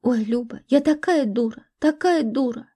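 A woman's voice: on the high side, normal speed, mellow, lightly acted. A woman voicing a naive, ashamed young woman in a storybook reading, with a tearful, plaintive manner.

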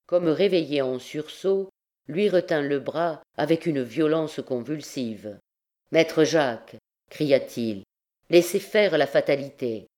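A woman narrating a classic novel as an audiobook, in a measured literary reading. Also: rumbling low, darkish tone. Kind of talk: scripted narration.

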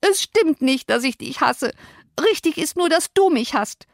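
A proud, tearful young woman pleads in raised, wavering outbursts, as a female reader puts her on. The voice sits clearly higher than the reader's own and swings between pleading and crying out. The recording is dry and close, with no room sound. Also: animated, moderate pace, darkish tone, no echo, close to an everyday voice. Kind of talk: audiobook character voice.

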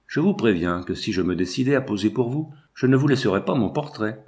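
A man's voice: mid-range voice, expressive, brisk, darkish tone, natural voice. A man reading the lines of a haughty, proud young woman in a storybook, with a dry, curt, ironic delivery.

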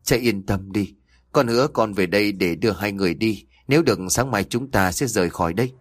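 A man reading the lines of a calm, loyal young husband who speaks steadily and reassuringly. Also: on the low side, brisk, dry recording, studio quality, close to an everyday voice.

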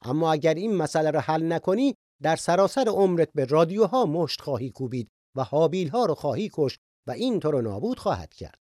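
A man's voice: on the high side, sing-song, hardly any pauses, warm tone, no echo, clean studio sound. A man giving an earnest, reflective Bible lesson in sermon style, sharing personal stories. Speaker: Bible teacher.

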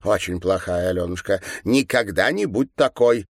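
A man reading an audiobook, voicing a complacent middle-aged mother in a flat, matter-of-fact manner. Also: low-pitched, normal speed, no room sound.

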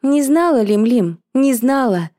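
A woman voicing an impulsive, emotional young woman who speaks up loudly and complains in an audiobook. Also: medium pitch, moderate pace, no room sound, studio quality, voice pushed up, lightly acted. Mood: excitable. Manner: excitable, complaining, raised voice.

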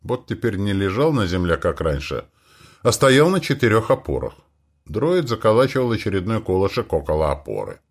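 A man reading a first-person science fiction audiobook with animated storytelling. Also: on the low side, moderate pace, husky. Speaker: audiobook reader.

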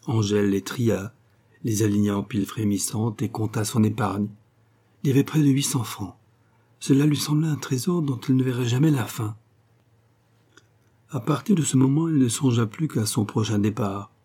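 Male audiobook narrator, husky and mellow, steady literary reading. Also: medium pitch, moderate pace. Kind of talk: scripted narration of a novel.

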